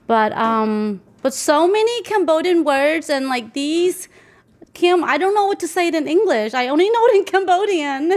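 A woman in her forties from the United States chats casually while cooking in a home kitchen as a guest in a recorded segment. Her voice sits high and animated at a moderate pace, and she laughs often while explaining each ingredient.

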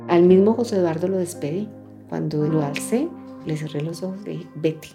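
A woman's voice: fairly low pitch, a little fast, gravelly, music in the background. An older woman giving emotional testimony, her voice tense and breaking as she acts out what was said. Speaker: interviewee, widow recounting.

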